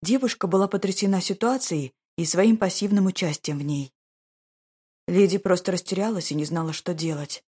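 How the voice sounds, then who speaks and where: A woman narrates an audiobook slowly and expressively. Her voice is low and husky, with a measured delivery. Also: darkish tone.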